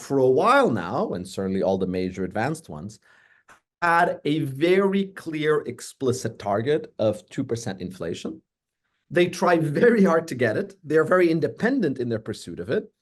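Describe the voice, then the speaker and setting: Using rhetorical questions, a middle-aged economics professor from Portugal explains things in a measured, lecturing style. His voice is medium-pitched with a sing-song quality.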